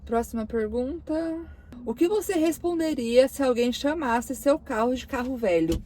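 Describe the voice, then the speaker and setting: A woman's voice: fairly high pitch, expressive, moderate pace, warm tone. A young woman from Brazil answering viewer questions in a casual vlog, chatty and emotional, her voice choked up at times. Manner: chatty, emotional, lots of fillers and self-quoting. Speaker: car vlogger.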